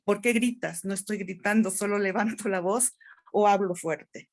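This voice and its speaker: A middle-aged woman with a strong, loud voice, talking emphatically in a group discussion among teachers. Her pitch sits in an ordinary middle range for a woman. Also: normal speed. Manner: loud, emphatic speaker who calls her own voice strong. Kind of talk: participant in a teacher training discussion.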